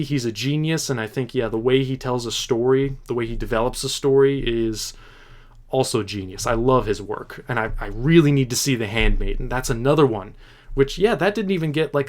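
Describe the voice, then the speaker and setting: A man hosting a casual film chat, answering viewer questions in a halting, thoughtful way with frequent restarts, and keen on the films he talks about. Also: medium pitch. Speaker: host.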